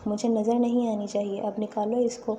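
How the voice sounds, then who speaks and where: A woman's voice: medium pitch, little pitch movement, warm tone, slight background noise, close to an everyday voice. A woman reading the lines of a spiteful young rival in a storybook tale, taunting and gloating.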